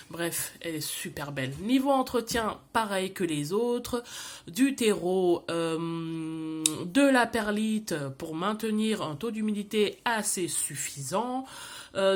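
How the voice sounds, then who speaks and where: A woman chatting casually in a plant vlog, animated and gushing, dropping English phrases into her talk. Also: medium pitch. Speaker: plant vlogger. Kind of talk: casual chat.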